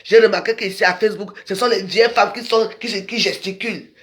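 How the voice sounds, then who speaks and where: Brief: high-pitched man, video rant, scolding and confrontational, rambling delivery. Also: fairly even intonation, brisk, a bit bright. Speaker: social media video maker. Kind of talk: ranting monologue to followers.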